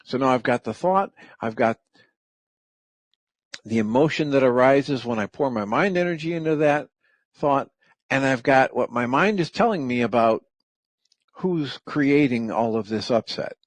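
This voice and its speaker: Middle-aged guy on talk radio, slow gentle explaining, dry close mic. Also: mid-range voice, dry recording. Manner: calm, gentle, step-by-step explaining. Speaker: radio host. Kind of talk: reflective talk radio teaching.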